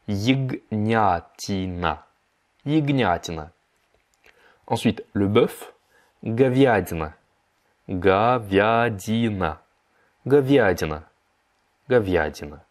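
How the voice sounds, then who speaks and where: A man from France giving a vocabulary lesson in a voice-over, repeating each word slowly and stressing its syllables. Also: on the low side, a little mellow. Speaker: language teacher.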